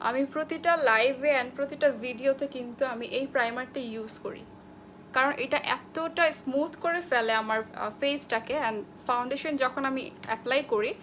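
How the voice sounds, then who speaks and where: A young woman from Bangladesh talks through a live-streamed makeup tutorial, greeting viewers by name as she works. Her voice sits high, and she slips English phrases into her talk. A faint hiss sits under the indoor recording. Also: normal speed, fairly bright tone. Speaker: makeup artist hosting a live sale.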